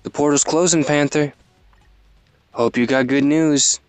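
A man's voice: on the high side, fairly even intonation, measured pace, clean tone, no room sound, soft background music, pitched above the performer's own voice, natural voice. A man reading the lines of a sarcastic male fighter in a game, wryly and in his own voice.

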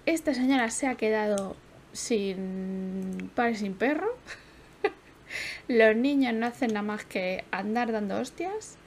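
A young woman chats through a life-sim stream with a mid-pitched voice. She sounds a little worn out, laughs easily and swears in casual asides. A faint background noise runs beneath her. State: tired. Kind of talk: casual gameplay commentary.

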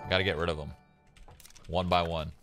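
A man's voice: sits low, level tone, fairly quick, soft background music. A young man from Canada, streaming a shooter game, talking brashly and swearing at strangers. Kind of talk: live gameplay commentary. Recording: loud gunfire behind the voice.

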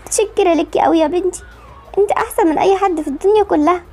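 Anxious Egyptian mother, a woman voicing her. Pleading, high-pitched, quick. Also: mellow, a little hiss or hum. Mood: grateful. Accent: Egyptian Arabic.

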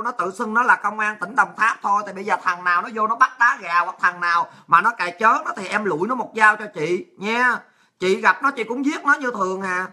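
Woman, Southern Vietnamese accent, livestream host, crude ranting, piercing bright voice, mid pitch. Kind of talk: angry livestream rant, reading viewer messages.

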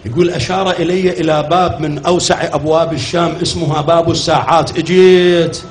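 Iraqi guy preaching a mourning sermon, quick and dramatic, kinda high voice, roomy hall echo. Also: steady tone. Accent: Iraqi Arabic. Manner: dramatic, quotes dialogue in shifting voices, grieving exclamations. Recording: echoey hall, faint noise.

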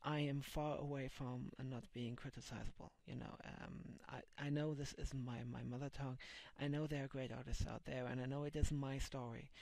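A man in his thirties, German by birth and accent, works as a vlogger and comic translator and chats loosely on his video blog, full of fillers and restarts. He records on a headset mic in a small, dim room with no room sound. His mid-range voice is gravelly and darkish, at normal speed with little pitch movement and few pauses.

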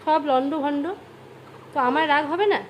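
High-voiced mother coaxing softly. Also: fairly even intonation, moderate pace, slight background noise. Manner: pleading, coaxing in a high soft voice. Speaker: mother coaxing her child. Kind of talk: home vlog with child. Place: home bedroom.

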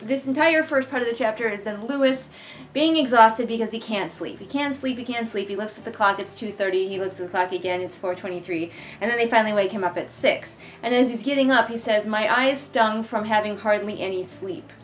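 A young woman vlogger sits on her living room couch, a little way from the camera, doing a casual read-along review of a book. She talks fairly quickly in a mid-range voice, sounding sarcastic, exasperated and mildly sweary. The recording quality is low.

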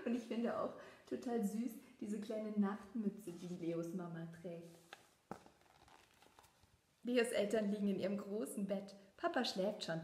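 A woman reading a picture book aloud to children, lively and chatty, showing them the pictures. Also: medium pitch, roomy sound. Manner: lively, talks directly to children. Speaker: storybook reader.

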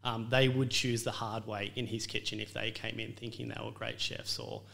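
A man's voice: fairly low pitch, level tone, normal speed, gravelly, fairly bright tone. A man, a chef talking about his career in an earnest, reflective interview manner. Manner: earnest, reflective storytelling with frequent fillers. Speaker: chef and restaurant owner, guest. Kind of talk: casual interview conversation.

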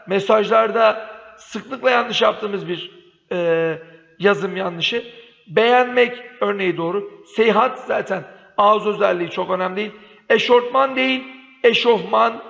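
A man's voice: high-pitched, gravelly, a bit bright. A man teaching a spelling lesson for exam prep, contrasting wrong and right spellings and calling his students dear friends. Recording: dull lo-fi sound, long reverb.

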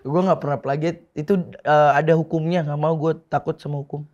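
Guest guy, kinda high voice, keeps saying no and laughing it off. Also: flat delivery, a little fast, a little mellow, highs cut off. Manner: short defensive replies, laughing it off. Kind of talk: interview answers.

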